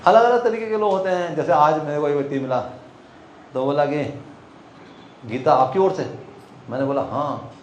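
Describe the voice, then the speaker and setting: Brief: male storyteller, lively and acting out dialogue, roomy hall, faint background noise. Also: a little high, moderate pace, long pauses, highs cut off. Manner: animated, acts out dialogues, laughs often. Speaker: monk telling book distribution stories. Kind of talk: storytelling talk to a group. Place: temple hall.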